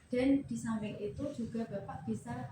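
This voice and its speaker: A woman's voice: on the high side, fairly even intonation, normal speed. A woman speaking in a polite, formal customer service voice as a bank officer in a role-play. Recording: echoey room, distant mic, noisy background.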